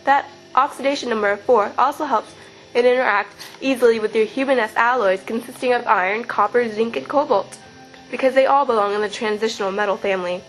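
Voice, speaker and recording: An earnest, brainy alien woman in a campy adventure serial, played by a woman. She reels off pseudo-science in a dramatic tone, her voice on the higher side with faint music underneath. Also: a little fast, fairly bright tone, lightly acted, poor audio. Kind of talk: campy radio-serial acting.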